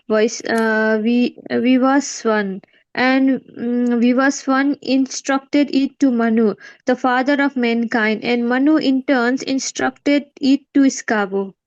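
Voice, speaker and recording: Woman reading aloud slowly, haltingly. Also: sits high, darkish tone, no room sound. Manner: slow, halting reading, stumbling on names. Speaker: class participant reading aloud. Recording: dull, dry, distant from the mic.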